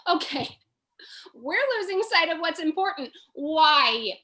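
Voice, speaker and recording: A woman's voice: high voice, lively intonation, slow, sharp tone, heavily acted. A woman acting an exasperated, clumsy young woman with incredulous outbursts. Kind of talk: audio drama acting.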